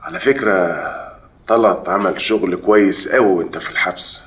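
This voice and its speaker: An actor playing a calm, commanding Egyptian crime boss giving orders. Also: male voice, deep voice, brisk. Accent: Egyptian Arabic. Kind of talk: TV drama acting. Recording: roomy echo.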